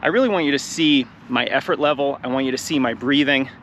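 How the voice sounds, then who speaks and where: A running coach, a little out of breath, talking nonstop to a handheld camera on a grass field outside. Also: male voice, mid-range voice, quick pace, slight background noise. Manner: talks nonstop, energetic and encouraging. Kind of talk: outdoor instructional talk to camera. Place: grass field outdoors, near traffic. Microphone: handheld camera carried while running.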